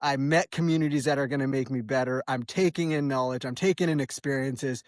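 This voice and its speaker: A man's voice: medium pitch, brisk, no room sound, studio quality. An American man in his early forties chats casually and ramblingly for a vlog while running outdoors on a trail, in a laid-back, slangy way. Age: early 40s. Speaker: trail runner vlogging.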